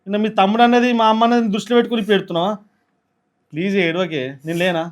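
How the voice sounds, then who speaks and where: A man's voice: high-pitched, racing, natural voice. An actor with a Telangana Telugu accent playing a young husband who coaxes his crying wife in an urgent way. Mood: coaxing. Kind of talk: village short film acting.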